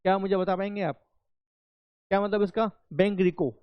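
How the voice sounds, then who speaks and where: A man's voice: high voice, fairly even intonation, normal speed, smooth, no room sound, dull audio. A man with an Indian accent teaching an online accountancy class, chatty and coaxing his students to reply.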